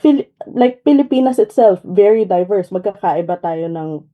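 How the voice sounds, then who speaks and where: Over the phone, a young woman from the Philippines joins a radio interview as a guest, her mid-range voice animated and moderately paced through a tinny line. With a Filipino accent she speaks politely, switching between Tagalog and English and filling pauses often.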